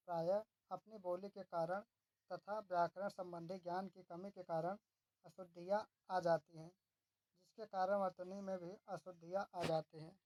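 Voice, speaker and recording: A woman tutor reads exam questions and their answer options aloud, then gives the correct answer and explains the reasoning. Her voice is fairly low and dark, and the low-quality recording has no room sound.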